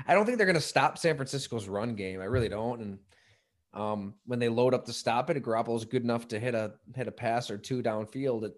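A man giving relaxed sports commentary in a conversational way, thinking aloud and often breaking off mid-sentence. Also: mid-range voice, fairly quick. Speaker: football commentator on a sports talk show.

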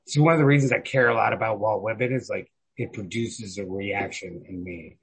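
Low-ish and brisk, this man's voice has a breathy edge, and the recording is rough. He's a podcast host casually discussing books, profane and slangy, hitting words hard and hedging with repeated "like."

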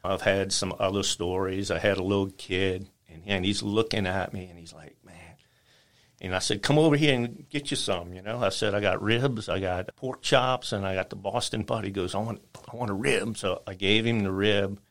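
Man, very low voice, podcast guest, animated storyteller who acts out the people in his stories. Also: normal speed. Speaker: guest, spice rub maker. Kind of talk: casual storytelling chat.

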